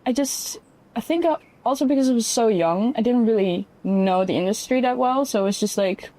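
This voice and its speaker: Here a slightly high, warm voice comes through at an ordinary pace on a low-quality recording. It belongs to a twenty-something fashion model from the Netherlands, who chats informally as a podcast guest in a Dutch accent, scattering "like" throughout.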